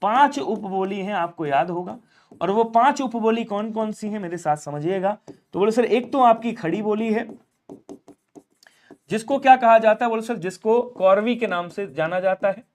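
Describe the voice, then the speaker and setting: A man's voice: high-pitched, moderate pace, a little mellow. A man teaching an online exam-prep Hindi class, firing questions and answering them himself in call-and-response.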